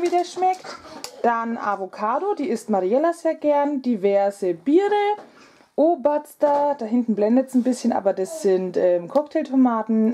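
Casting: female vlogger, thirties, slightly high voice, chatty and informal, presenting items to viewers at home. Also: warm tone. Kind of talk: casual grocery haul vlog narration. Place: indoors at home, kitchen.

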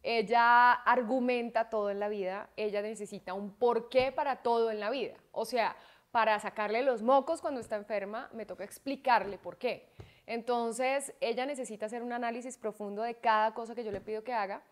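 A guest in her thirties chats in a relaxed interview, her voice pitched a little high. She's expressive, laughs readily, and mimics the voices of the people she quotes.

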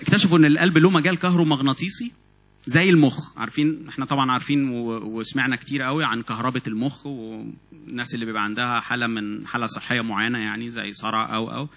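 Fast, husky Egyptian preacher. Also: male voice, mid-range voice. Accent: Egyptian Arabic. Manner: animated, repeats and restarts words. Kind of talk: sermon. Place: church meeting hall.

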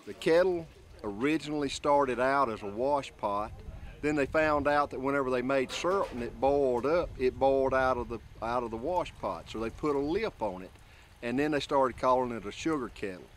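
A man's voice: medium pitch, normal speed, a little hiss or hum. A middle-aged man with a Mississippi accent, a syrup maker interviewed outdoors on a rural homestead, talking plainly and easygoing with a few "uh"s. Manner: plain, easygoing, with some "uh" fillers.

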